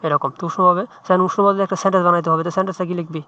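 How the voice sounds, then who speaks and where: Bright-voiced man tutoring English. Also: high voice, fairly even intonation, racing, no room sound. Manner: chatty, checks with "right?" often, addresses student informally. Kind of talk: informal tutoring lesson. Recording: muffled dry lo-fi mic.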